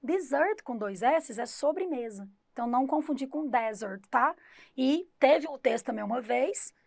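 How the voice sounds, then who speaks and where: A woman's voice: a little high, dry recording, studio quality. A woman English teacher, giving an exam-prep class and explaining through rhetorical questions and retold examples.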